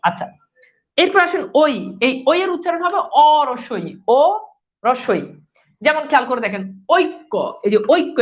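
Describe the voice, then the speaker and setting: A woman teaches a live online class in a high, quick voice. She asks her students questions, answers them herself, and goes over the key points again. The sound is dull and lo-fi.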